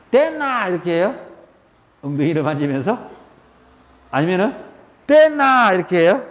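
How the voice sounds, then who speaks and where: Lively Gyeongsang-accented man teaching yoga. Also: medium pitch. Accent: Gyeongsang Korean. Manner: lively, asks the class questions, acts out shouts. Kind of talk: spoken yoga lecture. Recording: roomy hall echo.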